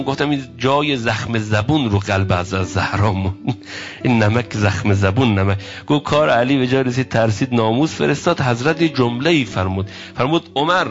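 A male preacher delivering a sermon, telling stories and voicing the people in them, at times dropping into a hushed, grieving tone. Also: medium pitch. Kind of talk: religious sermon from the pulpit. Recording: dull lo-fi recording with faint music.

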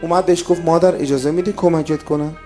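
A man preaching a sermon, moving from loud exhortation to hushed retelling of a story. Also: a little high, steady tone, faint music behind.

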